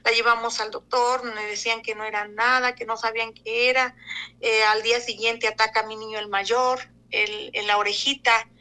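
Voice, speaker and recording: A woman giving an emotional personal testimony, talking haltingly with many fillers and restarts. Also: on the high side, little pitch movement, pushed and bright, low-quality recording. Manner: fearful, emotional retelling.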